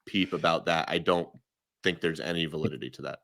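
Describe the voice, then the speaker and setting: A man's voice: low-pitched, steady tone, brisk, vocal fry, pushed and bright, dry recording, clean studio sound. A man giving emphatic, opinionated takes as a guest in a casual podcast chat, often restarting his sentences. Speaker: guest analyst.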